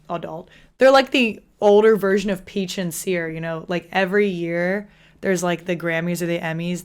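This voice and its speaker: A woman's voice: mid-range voice, smooth. Chatty young woman streamer. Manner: chatty, frequent "like" fillers, laughs while talking. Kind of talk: casual live-stream chat.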